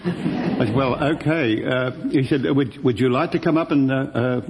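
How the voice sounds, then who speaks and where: A man's voice: mid-range voice, normal speed, long reverb tail, background noise. An older man, a retired radio presenter telling stories and acting out both sides of old conversations. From Australia. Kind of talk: reminiscing storytelling.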